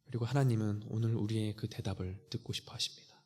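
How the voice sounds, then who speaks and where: A man preaching a sermon earnestly, often dropping to a hushed, near-whispered voice when quoting. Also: on the low side, steady tone, fast. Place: church sanctuary. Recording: church hall reverb.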